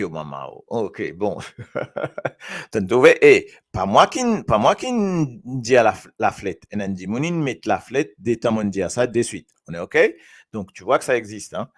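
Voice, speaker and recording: A man from Mauritius, hosting a live show and reading viewers' comments aloud in a lively, chatty way. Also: medium pitch. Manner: lively, switching between French and Creole, reading comments aloud. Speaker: host.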